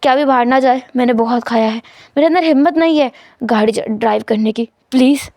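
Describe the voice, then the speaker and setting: A woman's voice: fairly high pitch, a little fast, darkish tone, dry recording, studio quality, lightly acted. A woman voicing a nervous, flustered young husband who stammers and pleads in a rush. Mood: protesting.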